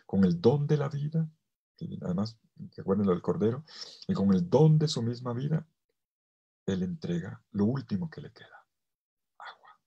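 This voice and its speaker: A male priest giving a theology lecture, swinging between loud emphasis and soft, almost whispered phrases, and stretching key words slowly for weight. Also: fairly low pitch, lively intonation, gravelly, husky, muffled recording. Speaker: priest teaching a theology course. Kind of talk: theology lecture to a virtual audience.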